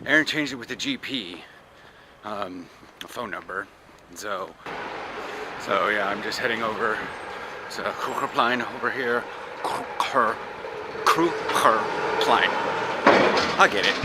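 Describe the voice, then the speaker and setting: This young vlogger from the United States speaks slowly in a lowish voice, pausing often as he rambles and laughs. He films with a handheld camera outdoors on city streets and in a car, with traffic clearly audible.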